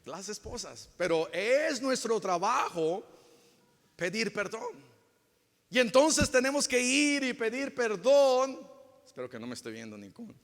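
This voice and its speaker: A male pastor preaching a sermon with emphatic swings from loud to hushed, acting out the voices of people he quotes. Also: extremely high pitch, very animated, unhurried. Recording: long reverb of a large church hall.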